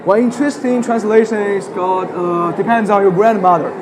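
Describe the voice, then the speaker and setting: High-voiced man from China, hesitant. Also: steady tone, fairly quick. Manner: hesitant, simple phrasing. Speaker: guest. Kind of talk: live comedy sketch on stage. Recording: noisy live stage.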